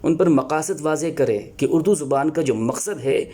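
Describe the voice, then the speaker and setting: Earnest male teacher, mellow voice. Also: fairly high pitch. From Pakistan. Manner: earnest, explanatory, with many filler pauses and restarts. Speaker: Urdu teacher. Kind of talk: spoken lecture on teaching Urdu.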